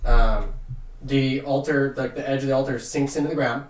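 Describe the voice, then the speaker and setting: A man narrating a tabletop game casually as game master, often halting as he searches for words. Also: medium pitch, steady tone. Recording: roomy, distant from the mic.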